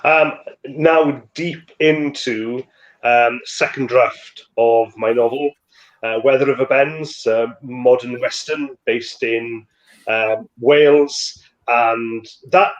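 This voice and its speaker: A man, a novelist guest on a podcast, speaking haltingly with many fillers. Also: medium pitch, muffled recording. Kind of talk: casual panel chat.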